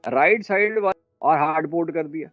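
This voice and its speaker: Brisk man teaching in a classroom. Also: fairly high pitch, no room sound, highs cut off, faint music behind. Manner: brisk, scolding teacher who quizzes students. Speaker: instructor. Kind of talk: classroom lecture.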